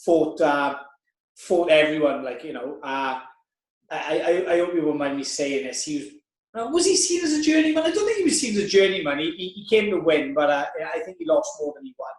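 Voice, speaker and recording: A man hosting a casual podcast chat, telling lively anecdotes. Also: fairly high pitch, a little fast. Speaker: podcast host. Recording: roomy echo.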